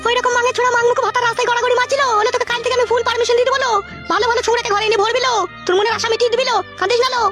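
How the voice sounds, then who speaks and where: A woman voicing village women in a comedy cartoon, shrill, scolding and lamenting. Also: little pitch movement, very fast, over loud music.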